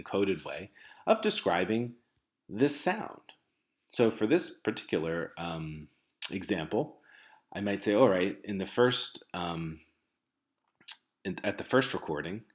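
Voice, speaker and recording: Deep-voiced man giving a halting recorded lecture. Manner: casual, halting, many ums and restarts. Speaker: teacher. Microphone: laptop microphone.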